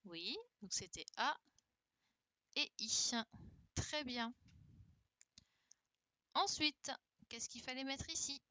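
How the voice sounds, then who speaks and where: A woman's voice: high voice, expressive, takes it slowly, long pauses, pushed and bright, no echo. A woman teaching a young class over a video call, correcting worksheets and coaxing pupils to answer by repeating her questions. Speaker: primary school teacher. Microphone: computer mic on a video call.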